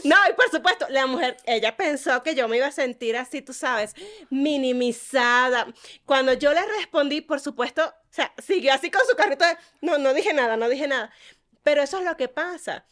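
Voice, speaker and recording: A woman's voice: sits high, normal speed, a bit bright. A woman guest on a podcast, chatting casually in an emphatic, joking way. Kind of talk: casual chat.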